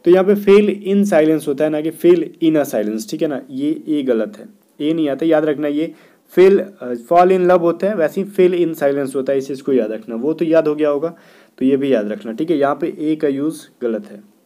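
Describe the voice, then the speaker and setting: Hindi-speaking male grammar teacher, mellow voice. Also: fairly high pitch. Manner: explains in Hindi, reads English sentences slowly; keeps asking "theek hai na" and "kya bhai". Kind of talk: exam-prep grammar lesson.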